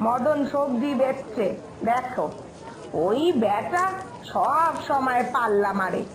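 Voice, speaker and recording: A woman voicing a loud, blunt older village mother-in-law in a cartoon, who gossips and cannot lower her voice. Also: expressive, takes it slowly, crowd noise. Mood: gossipy. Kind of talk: Bengali cartoon voice acting.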